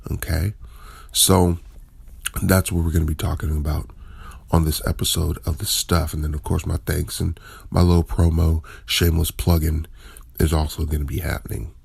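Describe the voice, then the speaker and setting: Groggy deep-voiced man, gravelly and husky. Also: little pitch movement, moderate pace, darkish tone, no room sound. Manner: rambling, self-correcting, informal. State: groggy, unwell voice. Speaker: podcast host. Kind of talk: casual solo podcast monologue.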